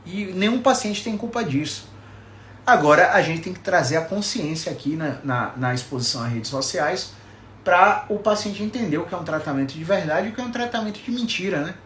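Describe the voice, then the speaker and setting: A man's voice: sits high, animated, fairly bright tone. A Brazilian-accented man in his thirties talks in a slightly raised register, colloquial and emphatic, as a physiotherapist would when addressing a handful of listeners live. The room around him is roomy and echoey, with a faint hiss underneath. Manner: emphatic, colloquial, deliberately shifts his intonation. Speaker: physiotherapist giving a talk. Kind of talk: informal live talk to a small online audience.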